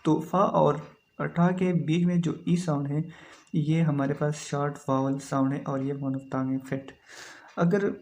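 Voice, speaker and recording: A man delivers an online phonetics lesson in a voice pitched a little above the usual. He explains step by step and often restates a point. technical words run through his Hindi. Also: fairly even intonation, darkish tone. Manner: explains slowly, repeats phrases, mixes English terms into Hindi. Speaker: phonetics lecturer. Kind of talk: recorded online lecture.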